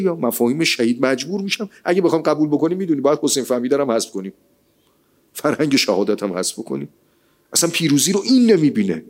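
A man giving a lively, colloquial sermon, asking rhetorical questions and reciting scripture. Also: mid-range voice. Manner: rhetorical, animated, quotes scripture. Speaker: religious speaker.

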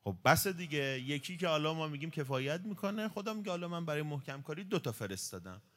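A man's voice: on the high side, expressive, a bit bright. A man giving a conversational religious talk, explaining points and posing rhetorical questions that he answers himself. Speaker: religious lecturer.

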